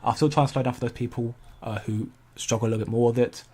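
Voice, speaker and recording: A man hosts a casual crypto livestream, answering viewer comments in a chatty, self-correcting way and laughing easily at the chat. His mid-range voice is steady, fast, dark, and husky.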